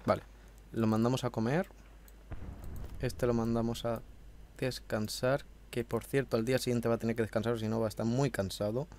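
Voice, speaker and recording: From a room at home, a man with a slight cold and a bit of hoarseness casually commentates gameplay, cursing along the way. His mid-range voice has little pitch movement, a darkish tone, and a normal speed, with slight background noise.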